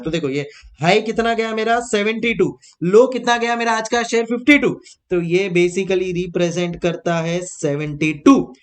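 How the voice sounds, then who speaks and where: A man gives an exam-prep lecture at a brisk, lively clip. He drills each point by repeating it and speaks to his students with fatherly warmth, calling them "beta". His voice sits fairly high for a man. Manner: lively, mixes English into Hindi, repeats key points, calls students "beta". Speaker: teacher.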